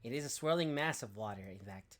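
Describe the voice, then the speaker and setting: A woman's voice: rumbling low, animated, fast talker, faint music behind. A woman running a tabletop game as game master, playful and often laughing.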